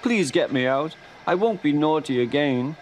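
A man's voice: mid-range voice, sing-song, a little slow, a little hiss or hum, pitched above the performer's own voice. A man voicing a bold, cheeky young tank engine in a storybook reading.

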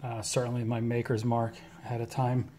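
A man gives a relaxed, chatty walkthrough of his garage workshop, filmed on a handheld phone. His voice stays fairly flat and even, at a middling pitch. Faint background noise sits under the recording. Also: a little fast. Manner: relaxed, chatty, lists tools with fillers. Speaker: knife maker giving a shop tour. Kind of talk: casual shop tour walkthrough. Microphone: handheld phone camera.

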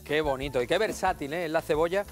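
A man's voice: fairly high pitch, a little fast, music in the background. A man demonstrating a recipe on a TV cooking show, chatty and playful, joking with viewers. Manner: playful and jokey, addressing viewers as family. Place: TV studio kitchen.

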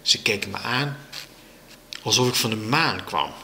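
Male reader for a children's book, unhurried and expressive, with a bright voice. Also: fairly low pitch, creaky, slight background noise. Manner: slow, expressive storytelling. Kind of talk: reading aloud a children's story.

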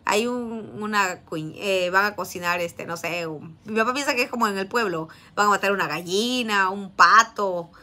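A woman's voice: mid-range voice, moderate pace, hardly any pauses, pushed and bright. A woman in her thirties with a Peruvian Spanish accent, telling a family story in a chatty vlog, often laughing and full of fillers. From Peru. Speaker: vlogger. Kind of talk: casual storytelling.

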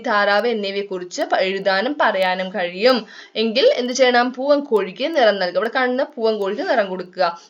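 A woman teaching young children in an online class, asking them questions and drawing out her words. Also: fairly high pitch. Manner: questioning, drawn-out teacher talk to small children. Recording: dull lo-fi sound.

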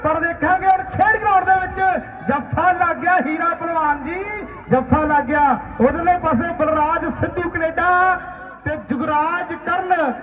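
Male Punjabi kabaddi caller: frantic village commentary, very high voice, echoing tinny PA. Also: steady tone, moderate pace. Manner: repeats phrases, chants rhyming couplets. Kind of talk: frantic rural sports commentary, shouted verse and calls. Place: outdoor village sports ground. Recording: echoey distant PA, tinny, faint noise.

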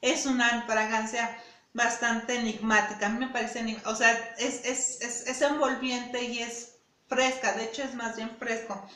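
A woman's voice: fairly high pitch, level tone, a little slow, pushed and bright, reverberant. A woman reviewing perfumes in a casual, chatty way, often repeating herself and asking "¿sí?". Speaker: beauty vlogger.

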